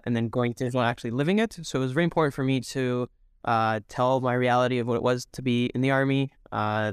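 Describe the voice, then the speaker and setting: A man's voice: medium pitch, clean tone, dry recording, clean studio sound. A young man raised in Toronto answering interview questions earnestly, with many fillers. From Mexico, raised in Toronto. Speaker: guest, army reservist.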